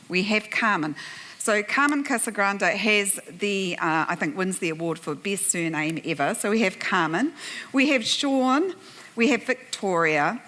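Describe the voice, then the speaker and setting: A woman with a New Zealand accent moderates a conference panel in a plenary room, telling the audience a humorous, self-deprecating story with frequent laughs. Her voice is mid-range with a sharp tone.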